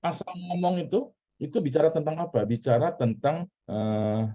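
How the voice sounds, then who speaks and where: A man's voice: on the high side, expressive, normal speed, over music. A man with an Indonesian accent teaching a church Bible class in a casual, chatty way, asking questions and repeating key words. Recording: dull lo-fi recording.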